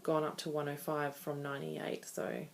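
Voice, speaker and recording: A woman's voice: low voice, monotone, moderate pace, vocal fry. A woman in her thirties talking candidly and conversationally in a casual personal video diary. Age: 30s. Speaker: vlogger.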